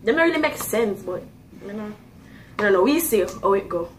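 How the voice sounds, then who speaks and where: A woman's voice: mid-range voice, expressive, a little fast, a little hiss or hum. A young Jamaican woman hosting her vlog in a loose, chatty way with plenty of fillers. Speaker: vlogger host. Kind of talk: casual chat. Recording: voice a bit distant from the mic.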